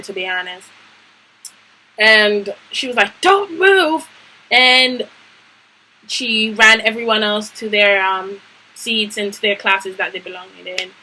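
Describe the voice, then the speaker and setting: Bright, animated young woman telling a story. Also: mid-range voice, low-quality recording. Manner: animated, emphatic, slangy storytelling. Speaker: vlogger. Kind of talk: storytime vlog.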